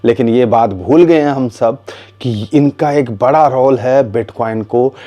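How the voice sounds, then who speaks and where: Mellow-voiced man explaining markets. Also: medium pitch, takes it slowly. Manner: conversational, addresses viewers as "bhaiya", rhetorical questions. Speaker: crypto market commentator. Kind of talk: casual explanatory commentary.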